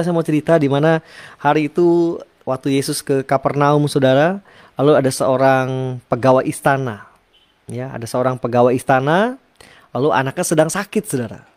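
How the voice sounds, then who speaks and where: A man's voice: mid-range voice, a little mellow. A male preacher who reads scripture and preaches earnestly, often turning to address his listeners directly. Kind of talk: sermon with scripture reading.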